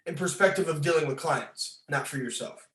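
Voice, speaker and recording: Speaking at a moderate pace, this fairly bright, higher-pitched man hosts a laid-back podcast interview with a fitness coach, wandering off track and restarting his sentences often. The audio carries a roomy echo.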